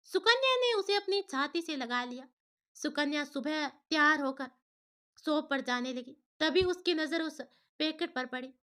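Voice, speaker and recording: A woman narrating a family story in steady, plain first-person telling. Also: high voice.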